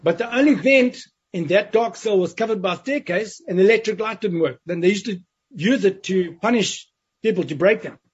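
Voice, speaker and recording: Speaking quickly in a husky, high-sitting voice, this man tells an interviewer the story of his prison days. He brings it to life by performing the voices of the people he quotes, and the audio is dull and lo-fi.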